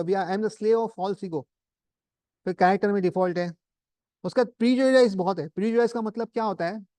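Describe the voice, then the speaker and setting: A man's voice: high voice, dark tone, no echo. A man giving a conversational devotional talk to a small group, telling stories and mixing in English terms. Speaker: spiritual teacher.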